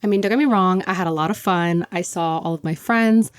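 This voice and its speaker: A young woman hosts her own casual solo podcast, chatting and gushing with heavy use of "like." Her voice is fairly low, clear and resonant, a little fast, recorded in studio quality with no echo.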